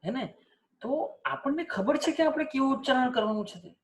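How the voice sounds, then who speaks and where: A man's voice: extremely high pitch, brisk. A man teaching a spelling lesson, asking students questions and repeating example words to drill pronunciation. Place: teaching setup with screen and cursor.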